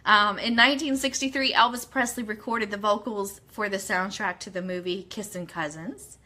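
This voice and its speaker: Hosting an online radio show from Orlando, Florida, a woman chats in a bubbly, informal manner, switching between news read-outs and greetings to listeners. Her mid-range voice is steady and sharp, at a normal speed.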